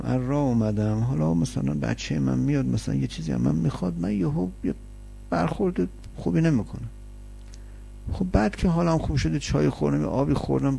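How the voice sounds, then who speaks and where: A man preaches in a plain, conversational way, leaning on everyday examples and rhetorical questions. His voice is mellow and dark, with a gravelly, husky edge. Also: on the high side. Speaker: religious lecturer. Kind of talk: conversational sermon.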